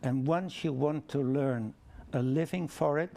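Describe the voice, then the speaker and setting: A man argues forcefully in a panel debate, insisting on his priority. His voice is gravelly and sits fairly high. He pushes his point with energy. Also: measured pace.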